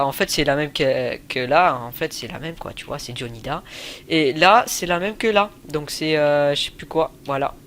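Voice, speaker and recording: A man giving casual gameplay commentary, excitable, yelling and swearing at the game between joking asides. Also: a little high. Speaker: gaming YouTuber.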